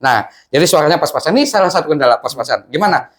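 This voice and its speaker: A man with a slightly high voice talks through his teaching method. He explains with animation and slips into chanted rhymes and sung lines. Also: animated, rapid-fire, fairly bright tone. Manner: explains animatedly, breaks into rhythmic chanting and singing. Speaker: Islamic religious counselor and author. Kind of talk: conversational interview.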